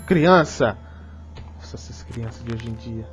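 A man's voice: medium pitch, measured pace, soft background music. A young man with a Brazilian Portuguese accent doing let's play commentary of a horror game, jumpy and swearing, talking to himself. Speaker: gaming youtuber.

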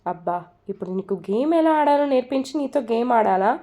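A woman's voice: a little high, expressive, a little fast, mellow, lightly acted. Woman doing a sarcastic scheming young woman. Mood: teasing. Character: sharp-tongued young woman, teasing and scheming.

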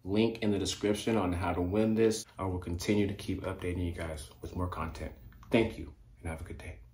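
A man with a low voice hosts a casual vlog about his toy collection. He talks earnestly and eagerly and repeats his key phrases. The room around him rings with echo. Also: fairly even intonation, brisk, darkish tone. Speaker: toy collecting channel host. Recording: echoey room.

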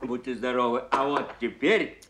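An actor playing a tipsy grandfather in his seventies in a film drama, halting and repeating himself insistently. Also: mid-range voice, a bit bright, natural voice. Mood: tipsy, earnest. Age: older, 70s. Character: tipsy insistent old grandfather making solemn toasts. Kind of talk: film acting.

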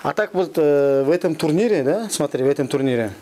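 A man, chatting in a small indoor studio. He speaks very fast in a slightly high voice. His phrasing comes out broken and repetitive. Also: expressive, mellow, a little hiss or hum. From Kyrgyzstan. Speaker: co-host judging fighters. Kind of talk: casual interview chat.

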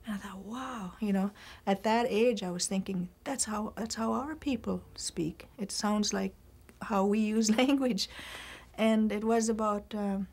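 A woman's voice: medium pitch, darkish tone, slightly rough. Thoughtful middle-aged woman. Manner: thoughtful, with many pauses and restarts. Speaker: writer and teacher interviewed. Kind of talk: reflective interview answers. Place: library room indoors.

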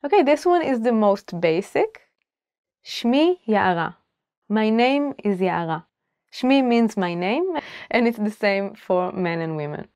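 A young woman teaching a language lesson to camera, repeating each phrase slowly and clearly before explaining it. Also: mid-range voice, very animated, darkish tone, no echo, clean studio sound. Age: 20s. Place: indoor studio, plain backdrop.

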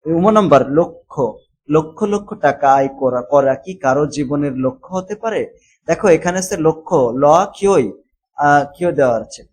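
A man, teaching a textbook lesson and repeating words slowly, with fillers and English words mixed in. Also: fairly high pitch, a little mellow, poor audio.

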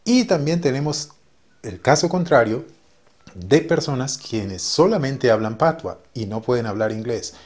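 A man's voice: medium pitch, lively intonation, a little slow, darkish tone. A man teaching in a casual video lesson, patient and repetitive, with frequent fillers. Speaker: language teacher.

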